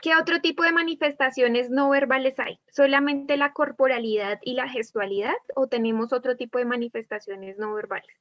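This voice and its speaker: A woman's voice: sits high, brisk, few pauses, dry recording. A woman teacher with a Colombian accent giving an online class over a video call, asking her students many questions and acting out different tones of voice. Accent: Colombian Spanish. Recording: dull lo-fi video call audio.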